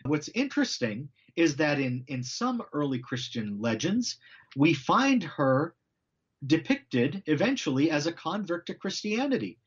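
On a faith podcast, a guest author (a middle-aged man) unhurriedly lays out early church history, conversational and teacherly with frequent side remarks. The sound is lo-fi and his voice leans high. Expect animated explanation, repeated lines and lots of "you know."

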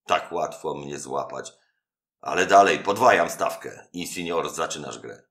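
A man's voice: extremely low pitch, expressive, normal speed, gravelly, fairly bright tone, heavily acted. A man voicing a bald, hot-tempered older Italian innkeeper who blusters in comic fury. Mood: furious.

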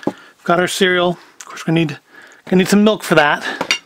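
There's background noise as a middle-aged host with a high-sitting voice reviews food and cooks at a moderate pace. Recorded indoors at home on a kitchen and tabletop set, his commentary is casual with dry, self-mocking humour.

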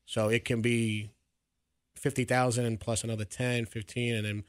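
A man's voice: medium pitch, flat delivery, moderate pace, dry recording. A man answering as a contractor guest on a radio show, speaking hesitantly with many fillers into a studio mic. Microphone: studio mic on boom arm.

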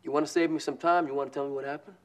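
A man acts a stern detective in his thirties from a TV crime drama. His voice sits a little high for a man, and he questions like an interrogator. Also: fairly even intonation, rapid-fire, lightly acted. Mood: stern, sarcastic. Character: stern male police sergeant grilling a suspect. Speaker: police detective.

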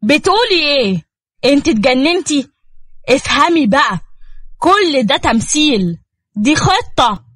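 A woman voicing a hot-tempered, wealthy young husband who talks in a sharp, commanding way. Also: sits high, very animated, a little slow, long pauses, no echo, voice pushed up, full character voice. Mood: angry.

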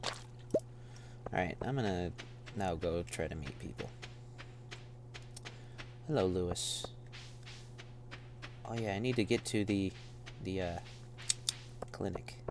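Speaking low and slowly with frequent pauses, this streamer offers laid-back, rambling commentary while playing a farming game, often tossing in "man" when addressing people. Background noise is audible.

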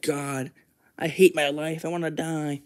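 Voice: mid-range voice, flat delivery, natural voice. Brief: a fan doing a jumpy, whiny teddy bear guy for a plush toy skit, always pleading. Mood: nervous. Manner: jittery, pleading, quick to panic. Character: nervous, put-upon male teddy bear sidekick.

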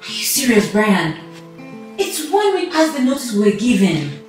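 Actress as worried probing wife, Nigerian English accent, mid-pitched, emphatic, very echoey room. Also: female voice, moderate pace, darkish tone, faint music behind, lightly acted. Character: worried wife pressing her husband for answers.

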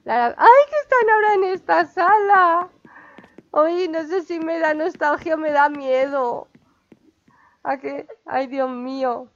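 A woman's voice: high-pitched, slow pace, fairly bright tone. A young woman with a Spain Spanish accent giving chatty, exclamatory commentary while playing a game and talking to her viewers. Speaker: gaming vlogger. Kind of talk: casual gameplay commentary. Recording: dull lo-fi sound.

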